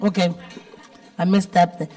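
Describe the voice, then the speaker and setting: At a very noisy live event, the host's low-leaning voice comes across flat at a moderate pace, picked up from a distance. She has a South African accent and a big, heavy timbre, and she keeps up chatty, teasing, informal banter with the people dining at the venue.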